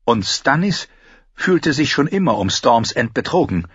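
A haughty noble queen from a fantasy audiobook speaks in a lifted, swooping voice, voiced by a male narrator. Her commanding, scornful tone carries a slightly husky grain. The recording is dull and dry. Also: mid-range voice, big pitch swings, a little slow, no echo, voice pushed up, heavily acted. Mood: musing. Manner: commanding, scornful, breathless when thrilled. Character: proud, sharp-tongued noble queen, grown woman.

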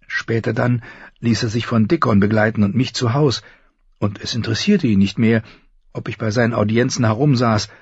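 A man's voice: medium pitch, vocal fry, darkish tone, breathy edge, no room sound, pitched above the performer's own voice. A man voicing an earnest, anxious young man who eagerly explains and pleads in an audiobook. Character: earnest, anxious plump young male friend. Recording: slightly dull recording.

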